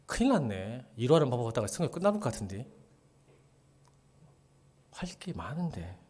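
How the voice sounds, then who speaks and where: A man's voice: mid-range voice, very animated, brisk, darkish tone. A middle-aged male pastor giving a casual sermon, chatty and joking, who acts out dialogue and often drops to a murmur.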